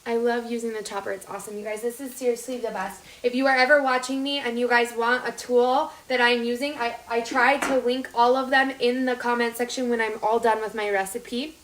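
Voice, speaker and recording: A woman's voice: on the high side, little pitch movement, brisk, hardly any pauses, fairly bright tone. A woman in her thirties with a North Dakota accent, hosting a casual cooking livestream and chatting informally straight to viewers. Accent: North Dakota, upper Midwestern American. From Las Vegas, United States. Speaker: host of a live cooking show. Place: home kitchen, indoors. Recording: echoey room, clearly noisy with clicks.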